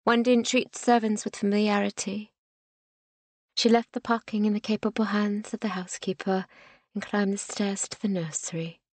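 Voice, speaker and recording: A woman reading a historical novel aloud as an audiobook narrator, in a measured storytelling manner that softens to a hush in quiet passages. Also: mid-range voice, flat delivery, no room sound.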